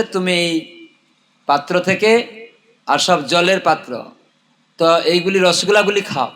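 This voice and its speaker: A man's voice: high voice, a bit bright. A man preaching with a non-native Bengali accent, telling parables in a didactic way and answering his own questions. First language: not Bengali. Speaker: religious preacher. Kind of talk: sermon with storytelling, addressing villagers.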